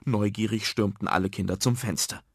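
A man narrating a children's story in a lively, expressive storytelling manner. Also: fairly low pitch, a little fast, husky, dry recording, studio quality.

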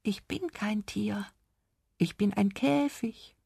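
A woman reading a children's radio story, voicing a small, cheeky pet dinosaur in hushed whispers. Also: mid-range voice, slow pace, gravelly, breathy edge, dry recording, studio quality, pitched above the performer's own voice, full character voice. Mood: sly whisper.

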